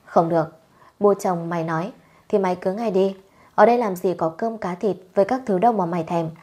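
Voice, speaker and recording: A harsh old village father from a storybook, scolding and stern. A woman reads him in her own low, husky voice, with a lowered pitch throughout. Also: brisk, a little mellow. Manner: scolding, gruff.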